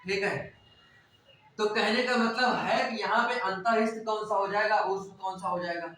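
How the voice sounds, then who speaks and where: A man's voice: high voice, fairly even intonation, normal speed, fairly bright tone, far from the mic. A man teaching a class, explaining step by step and asking questions that he answers himself. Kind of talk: classroom lecture. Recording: echoey room, voice off-mic.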